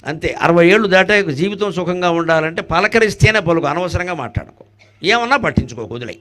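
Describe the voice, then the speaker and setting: A man with a high voice gives a spiritual discourse. He jokes with the audience, fires off rhetorical questions and chants Sanskrit verses. He swings from loud, animated bursts to soft, low asides. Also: fast talker. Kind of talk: devotional discourse.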